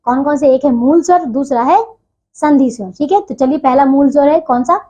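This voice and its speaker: A woman teaching a grammar lesson to children, slowing down to spell out each sound and checking in again and again. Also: high voice, mellow. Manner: repeats "ठीक है" as a check-in, slows to spell out sounds. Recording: dull lo-fi audio.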